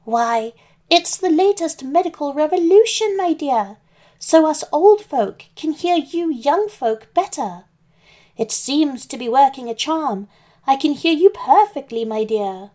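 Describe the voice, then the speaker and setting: A woman's voice: high-pitched, expressive, measured pace, mellow, voice pushed up. A woman voicing a wolf who pretends to be a sweet old grandmother, in a sugary, fussy put-on old-lady voice. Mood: sugary fake. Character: big wolf faking a sweet old granny.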